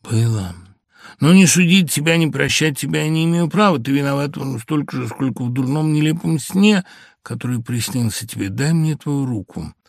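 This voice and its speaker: A weary, unhappy young wife speaks with quiet emotion, as a man reads her in an audiobook. The voice carries a gravelly texture. The sound is dry and close. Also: medium pitch, expressive, a little fast, no echo. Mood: solemn.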